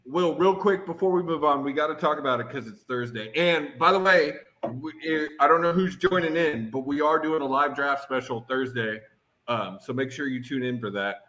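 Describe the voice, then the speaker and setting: A man's voice: on the high side, normal speed, bright, forceful tone, poor audio. A man hosting a sports podcast, leading the talk in a loose, swearing, casual chat. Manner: loose, swearing, leads the segment. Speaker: podcast host.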